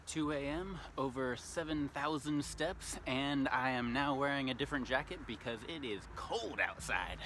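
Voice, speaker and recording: Upbeat young man, bright voice, self-filmed walking vlog, cold lips slurring his words, faint street noise. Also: mid-range voice. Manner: upbeat, chatty, laughs at himself. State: cold face, slightly slurred speech. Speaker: vlogger. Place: outdoors on city streets. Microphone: phone on a selfie stick.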